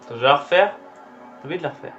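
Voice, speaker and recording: A man's voice: a little high, lively intonation, racing, a bit bright. Man giving casual game commentary, lo-fi. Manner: reactive, exclaiming at what appears on screen. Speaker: gameplay commentator. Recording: dull lo-fi recording with faint game music.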